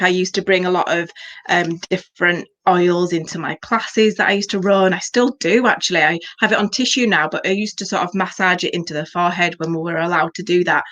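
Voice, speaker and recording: A woman's voice: on the low side, a bit bright. A woman host talking in a casual, chatty and personal way in a conversational interview. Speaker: host, former yoga class teacher.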